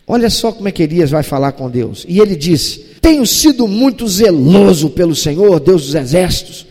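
A man preaching a sermon in a church, dramatic and animated, acting out scenes as he talks. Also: sits high, big-room sound. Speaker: pastor.

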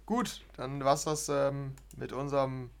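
A man's voice: mid-range voice, flat delivery, unhurried, vocal fry, clear, resonant tone. A young man from Münsterland with a Münsterland accent, co-hosting a podcast in an easygoing way. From Münsterland, Germany. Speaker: podcast co-host. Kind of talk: casual chat.

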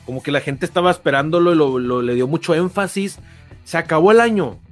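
A man's voice: a little high, expressive, fairly quick, soft background music. A man with a Mexican accent co-hosting a podcast, chatting casually in rambling, heavy slang. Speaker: podcast co-host. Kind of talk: casual chat.

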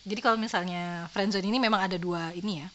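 A woman's voice: on the low side, steady tone, fast, fairly bright tone, lo-fi sound, a little hiss or hum. A woman co-hosting a podcast, chatting casually in slang and laughing often. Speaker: podcast co-host. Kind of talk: casual chat.

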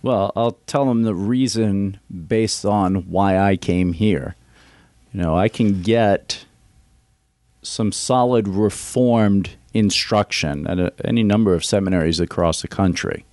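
A man's voice: fairly low pitch, unhurried, a little mellow, dry recording, studio quality. A man graduating from seminary, answering interview questions in an earnest, plain, explanatory way.

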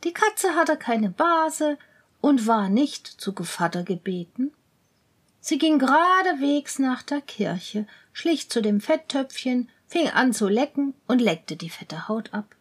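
Slow, high-voiced woman reading a fairy tale. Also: breathy edge. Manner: calm, measured reading aloud. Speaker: storyteller.

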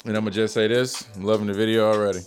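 A man's voice: fairly low pitch, flat delivery, very fast. A man co-hosting a casual show, reacting to music videos with loose, profane banter and laughter. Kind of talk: casual chat.

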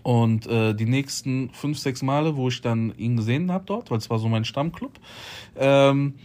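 A man's voice: medium pitch, normal speed, a little mellow. A man talking casually with a friend, laid-back and slangy. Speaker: conversation partner. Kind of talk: casual chat.

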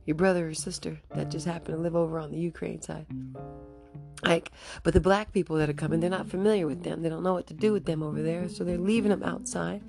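A woman hosts her own podcast in a rambling, casual monologue, her raspy voice giving out as she breaks into nervous laughs. Her pitch is fairly low.

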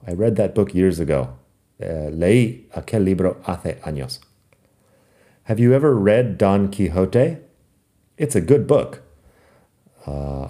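A man's voice: low voice, mellow. A man teaching a recorded lesson, explaining patiently and methodically through worked examples. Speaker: language teacher.

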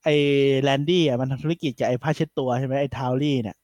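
A man hosting a casual podcast chat, retelling things in an animated way with lots of fillers. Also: medium pitch, fast talker, dry recording, studio quality. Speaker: podcast host.

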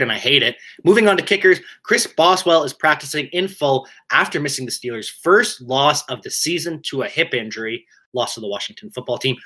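A man co-hosting a fantasy football show, running through player news with quick, upbeat asides. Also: pushed and bright. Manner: upbeat, quick asides, jumps up in pitch on names. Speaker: fantasy football podcast co-host. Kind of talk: casual sports news rundown.

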